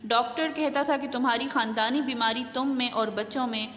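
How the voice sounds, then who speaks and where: A woman's voice: a little high, fairly even intonation, a bit bright, lightly acted. A woman teacher voicing an aggrieved, tearful middle-aged housewife who complains shrilly, read aloud in an echoey room.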